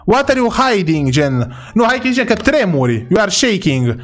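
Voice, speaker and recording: A young man from Romania giving excitable, chatty commentary while playing a video game, talking to his viewers. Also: sits high. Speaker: gaming YouTuber. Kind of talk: gameplay commentary.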